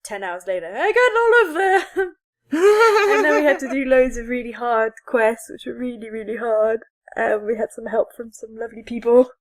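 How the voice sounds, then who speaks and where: Speaking at normal speed, this woman has a fairly high, expressive voice. She co-hosts a podcast, casually and enthusiastically rambling about geeky things with plenty of giggles.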